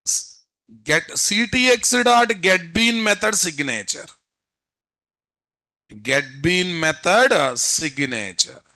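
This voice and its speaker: A man's voice: high voice, expressive, slow, long pauses, bright, forceful tone. A man with an Indian Telugu accent giving a live technical lecture, prodding students with repeated questions. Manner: prodding, repetitive rhetorical questions. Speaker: programming instructor.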